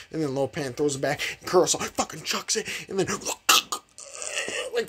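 A young man reviewing a film in a casual, rambling way, swearing a lot, filling gaps with "like", and laughing as he goes. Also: mid-range voice. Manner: rambling, profane, heavy use of fillers; laughs often while talking. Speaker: movie reviewer.

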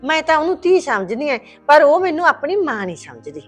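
Bossy middle-aged mother-in-law, bit high voice, scolding and two-faced, faint music behind. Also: sing-song, fairly quick. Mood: pleading, plaintive. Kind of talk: short film drama acting.

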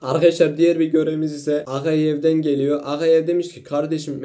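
A young man from Turkey giving excitable, swear-filled commentary over his own gameplay, shouting and yelping when things go wrong. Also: fairly high pitch. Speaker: gaming youtuber.

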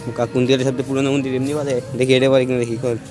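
A young man chats quickly through a casual outdoor vlog, his pitch staying flat and even. He keeps repeating filler phrases and sometimes drops to a hushed voice. Music plays clearly beneath him. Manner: chatty, repeats filler phrases, lowers voice to near-hushed at times. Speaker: vlogger. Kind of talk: casual walking vlog commentary. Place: outdoors at a temple garden.

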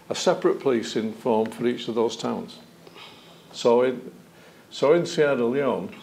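Seated at a desk in a lecture theatre, a former police chief, now an older man, shares anecdotes while testifying at an evidence session. His voice sits at a medium pitch, he gestures animatedly, and there is slight background noise.

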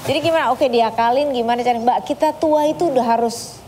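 A woman in her fifties from East Java chats animatedly as a guest on a TV talk show set. Her voice sits a little high, and she laughs often. A faint hiss lies under the studio recording. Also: fast, mellow. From East Java, Indonesia. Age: 50s. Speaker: guest singer. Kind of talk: casual talk show chat.

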